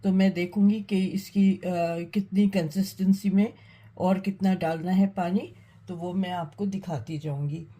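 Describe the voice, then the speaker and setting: A woman hosting a cooking demonstration, talking unhurriedly while she cooks, with many pauses and fillers. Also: mid-range voice, steady tone, mellow, husky, rough recording. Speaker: cooking channel host.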